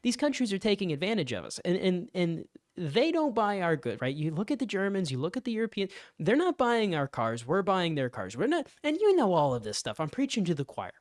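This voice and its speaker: A man giving a political opinion monologue, emphatic and sarcastic, mocking opponents in high put-on voices. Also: huge pitch swings, brisk, no echo, studio quality. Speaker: political commentator.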